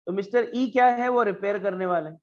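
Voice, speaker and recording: A man's voice: sits high, fast, darkish tone, highs cut off. A man with a Pakistani Urdu accent teaching business, telling a story and acting out every character's lines himself. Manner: affectionate, calls students "beta". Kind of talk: storytelling lecture with acted dialogue.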